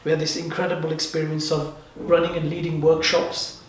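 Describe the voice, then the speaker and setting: A man born in Kenya and raised in England, answering interview questions in a measured way with frequent pauses. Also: on the high side, little pitch movement, distant mic, a little hiss or hum. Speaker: guest, life and business coach. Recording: very echoey room, away from the mic.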